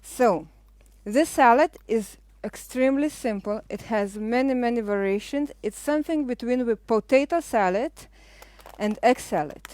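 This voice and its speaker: A middle-aged woman with a Lithuanian accent hosts a live cooking show, chatting casually and pausing often as she explains each step. Her voice is fairly high yet darkish in tone, with no echo.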